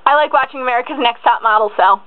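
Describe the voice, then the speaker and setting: Young female interviewer, high voice, eager chatty fan, phone-quality audio. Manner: chatty, eager fan asking quick questions. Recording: tinny phone line.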